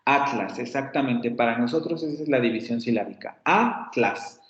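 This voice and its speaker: A man's voice: medium pitch, fast talker, a little mellow. A male university teacher with a Mexican Spanish accent, explaining phonetics in a classroom lecture, repeating example words and correcting himself. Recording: roomy, dull lo-fi classroom recording.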